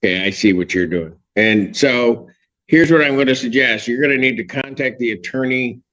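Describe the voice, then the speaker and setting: A male judge running a courtroom hearing, brisk and directive as he moves through cases. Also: mid-range voice, a bit bright, lo-fi sound.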